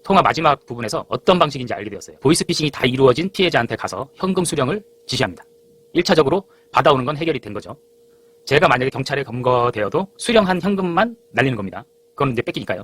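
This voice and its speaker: A man's voice: medium pitch, expressive, racing, fairly bright tone, husky, no room sound. A man giving an explanatory voice-over narration. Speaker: narrator, video creator.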